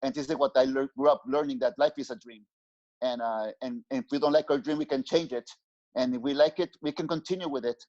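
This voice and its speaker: In dull lo-fi audio from a video-call headset, a middle-aged Mexican spiritual teacher gives reflective, earnest interview talk from a small room in his home, repeatedly restarting his words. He speaks quickly with a medium pitch and steady tone that is a little mellow.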